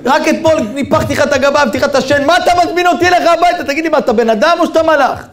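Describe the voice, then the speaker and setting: A man voicing a middle-aged male taxi driver who is agitated and crying, pleading in a shrill, frantic voice. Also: huge pitch swings, warm tone, reverberant, full character voice.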